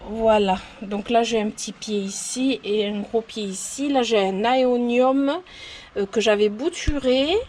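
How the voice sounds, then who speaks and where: Chatty woman, slightly high voice. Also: a little slow, a little mellow, a little hiss or hum. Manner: rambling, often unsure of plant names. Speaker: plant vlogger. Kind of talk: casual show-and-tell tour. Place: outdoors among potted plants.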